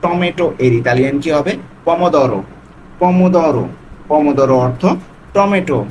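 A man with a slightly higher voice teaches words one by one, saying each term and then repeating it slowly and patiently. A faint hiss sits under the recording. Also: darkish tone, low-quality recording. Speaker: language tutor. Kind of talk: vocabulary lesson.

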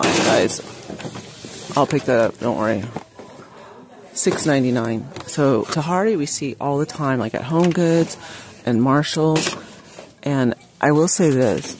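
A shopping vlogger with a rumbling low voice narrates a casual shop-with-me video as she browses a large indoor retail store. She chats with viewers, calling them "you guys," and reads the prices out loud. Recorded on the phone she holds while filming off camera, the audio includes clear store noise.

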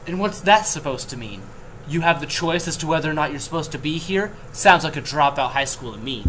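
Higher-voiced young man, mock breaking news reporter. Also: lively intonation, fairly quick, a bit bright. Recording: noisy room tone.

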